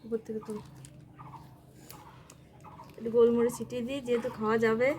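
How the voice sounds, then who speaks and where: A woman with a slightly high, hoarse voice talks casually to her viewers, calling them friends as she films outside on a sunny rooftop. Her phone recording carries clear outdoor noise behind her. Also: level tone, a little fast, a little mellow. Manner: chatty, addresses viewers as friends. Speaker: vlogger. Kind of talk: casual vlog narration.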